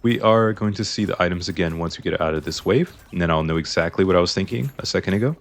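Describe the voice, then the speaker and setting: Speaking fast in a low voice, a man chats casually about the video game he's playing as a gaming YouTuber. He explains his choices as he goes, his voice a little strained.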